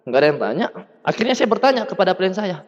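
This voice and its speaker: High-pitched animated man in a hall. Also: quick pace, highs cut off. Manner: animated storytelling, acts out dialogue, laughs often. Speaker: motivational speaker. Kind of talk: testimonial talk to an audience. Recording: reverberant hall.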